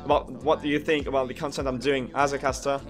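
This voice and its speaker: A man's voice: medium pitch, flat delivery, fast, over music. A young man in his twenties from France with a French accent, an esports caster and streamer talking casually on a headset mic over gameplay, searching for words and sometimes losing his thread. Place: indoor room, gaming chair.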